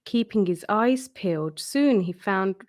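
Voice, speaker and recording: This is a woman narrating a kids' storybook in a deliberate, expressive way. Her voice falls in the middle range.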